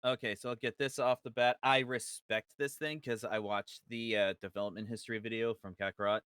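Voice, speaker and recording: Smooth-voiced guy weighing his opinion. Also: medium pitch, level tone, fairly quick, fairly bright tone, dry recording, clean studio sound. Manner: reasoned, hedging with ums, swears casually. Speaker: podcast guest. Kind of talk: casual chat.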